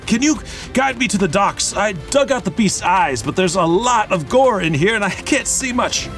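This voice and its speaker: A woman doing a calm young hero. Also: mid-range voice, moderate pace, faint music behind, natural voice. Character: brave young male hero.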